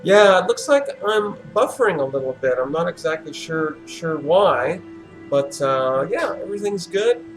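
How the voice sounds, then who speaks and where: A man hosting a casual livestream, thinking aloud in a relaxed, musing way with many fillers. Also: on the high side, normal speed, soft background music, low-quality recording. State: relaxed and yawning. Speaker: livestream host.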